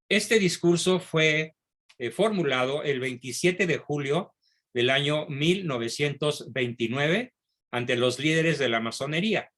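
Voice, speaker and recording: A man giving a history lecture, reading passages of a speech aloud slowly and repeating key phrases. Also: medium pitch, a bit bright.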